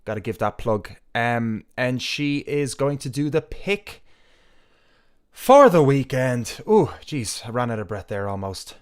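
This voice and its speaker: A man's voice: mid-range voice, lively intonation, a little slow, smooth. Chatty Irish man hosting a live stream. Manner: enthusiastic, chatty, many fillers. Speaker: host of a live music show.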